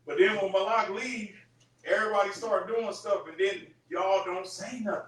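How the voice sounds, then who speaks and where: A man's voice: high voice, steady tone, normal speed, a bit bright. A man leading a group Bible study, talking in an emphatic, conversational way and often checking in with his listeners. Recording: echoey room, voice from far off.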